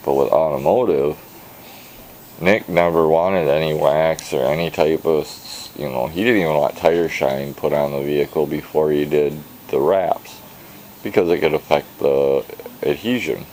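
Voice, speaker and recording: A man's voice: very deep voice, moderate pace, darkish tone, a little hiss or hum, poor audio. A man in a casual vlog, rambling in a tired, mumbling way with his words trailing off. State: tired and worn out. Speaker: vlogger. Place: outdoors at a garage.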